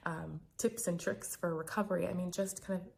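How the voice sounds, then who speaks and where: An American woman in her thirties, a physician vlogger, records a hesitant, reflective personal video diary, speaking quietly but clearly. Her voice is lowish and steady, and she talks a little fast.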